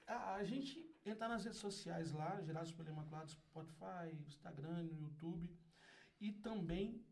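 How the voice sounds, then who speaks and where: This podcast guest, a Brazilian community founder with a Brazilian Portuguese accent, spins animated tales with bursts of laughter and loud, lively character voices. He speaks at a moderate pace in a high-pitched voice with vocal fry.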